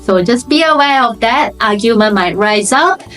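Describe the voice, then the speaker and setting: A woman's voice: fairly high pitch, lively intonation, normal speed, a bit bright, faint music behind. A woman in her thirties from Malaysia with a Malaysian English accent, chatting informally to camera in a vlog with loose grammar. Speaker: vlogger. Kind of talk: casual chat to camera.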